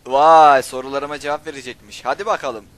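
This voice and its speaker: A young man hosts a gaming channel, casually commenting on his play, joking and swearing excitedly at the game. His voice is mid-range and fairly quick, with no room sound.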